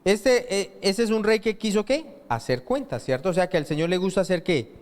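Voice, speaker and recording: A man's voice: high-pitched, normal speed, darkish tone. A man preaching a sermon as pastor, quizzing the congregation with rhetorical questions for them to answer. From Colombia. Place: church hall with long reverb. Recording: reverberant church hall.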